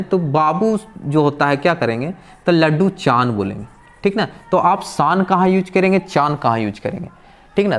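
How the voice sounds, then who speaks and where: A man with a fairly high voice teaches beginners in a classroom-style lesson. He asks a question, pauses, and answers it himself over and over. His explanations are patient and go one step at a time. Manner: drills with repeated questions and answers. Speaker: language teacher.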